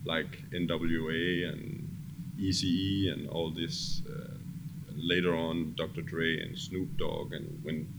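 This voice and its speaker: This man from Denmark has a bass voice, a level tone, and a slow delivery. A music producer, he casually recalls his work in an interview, speaking non-native English with a Danish accent against clearly noisy background ambience.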